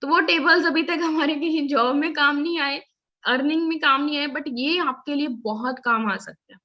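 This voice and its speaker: A woman giving a network marketing training session, mixing in words and often checking with listeners whether things are clear. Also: high voice, normal speed. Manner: instructive, often checks "ठीक है?" and "clear है?". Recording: slightly dull lo-fi audio.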